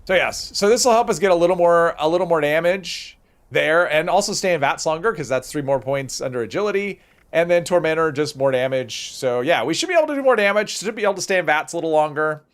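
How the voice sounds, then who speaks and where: Animated man chatting on a gameplay livestream. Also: on the high side, quick pace. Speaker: livestream host. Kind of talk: casual gameplay livestream chat, thinking aloud.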